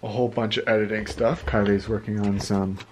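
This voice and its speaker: A man's voice: on the low side, little pitch movement, a little fast, a little mellow, slight background noise. A young man co-hosting a casual vlog, making teasing, dry jokes. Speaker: vlog co-host.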